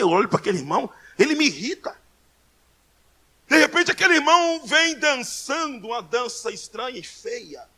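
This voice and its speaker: A Brazilian man preaching a Pentecostal sermon, telling a story that builds into shouted proclamations and speaking in tongues. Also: sits high, husky. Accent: Brazilian Portuguese. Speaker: pastor.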